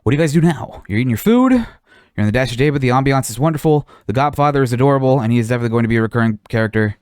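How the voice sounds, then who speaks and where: A man's voice: mid-range voice, lively intonation, racing, darkish tone, smooth, dry recording, clean studio sound. A man running a tabletop game as game master, talking casually with a rambling manner. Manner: casual, rambling, lots of fillers.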